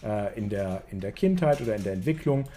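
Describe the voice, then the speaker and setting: Chatty man teaching, mellow voice. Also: lowish voice, lively intonation, fairly quick. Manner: chatty, many fillers, addresses viewers directly. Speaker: poker coach. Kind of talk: casual online lesson at a drawing board.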